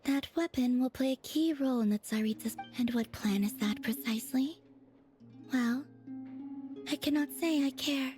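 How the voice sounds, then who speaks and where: A woman voicing a mysterious moon deity who speaks in a measured, soft, often whispery way. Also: high voice, over music, lightly acted. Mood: pensive.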